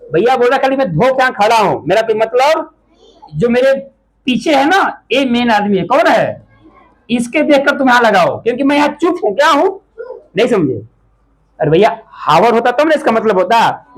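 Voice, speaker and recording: A man teaching a classroom lesson, asking the pupils short repeated questions and sometimes calling out loudly. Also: very high voice, poor audio.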